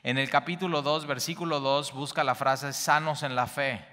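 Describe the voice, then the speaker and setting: A male pastor leads a Bible study in a large hall, repeating key phrases emphatically with small stumbles. His mid-range voice has fairly even intonation at normal speed, sounding pushed and bright.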